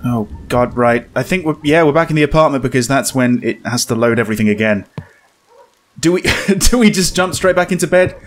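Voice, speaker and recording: A man's voice: mid-range voice, brisk, slight background noise. Wry man commentating a game. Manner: wry, bemused. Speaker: game streamer. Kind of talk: casual gameplay commentary.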